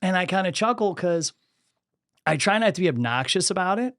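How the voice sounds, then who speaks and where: A man's voice: high-pitched, brisk, no room sound, studio quality. A man hosting a podcast, telling stories in casual conversation and acting out the people he quotes. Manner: animated, acts out the voices of people in his stories. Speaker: podcast host.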